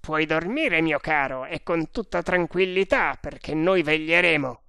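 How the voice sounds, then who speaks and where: A smug male sepoy guard gloating over a prisoner in a storybook, as a woman narrator puts him on. His tone is low and steady, close to the reader's own. The recording is dry and close. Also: unhurried, vocal fry, clean tone, no room sound, exaggerated voice. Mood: mocking. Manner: mocking, smug.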